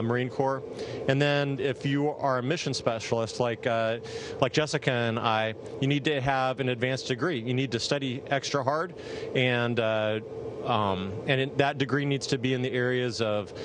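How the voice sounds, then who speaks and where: Male astronaut, medium pitch, halting and earnest, clear spacecraft noise behind him. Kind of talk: live question-and-answer over space link. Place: inside a space station. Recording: noisy spacecraft ambience.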